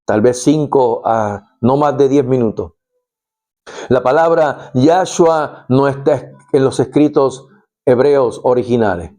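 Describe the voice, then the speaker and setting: Man, Bible teacher, slow deliberate delivery, mellow tone, repeats key words. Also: mid-range voice. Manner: slow, deliberate reading with long pauses; spells out and repeats words to explain them. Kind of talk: Advent Bible teaching and scripture reading.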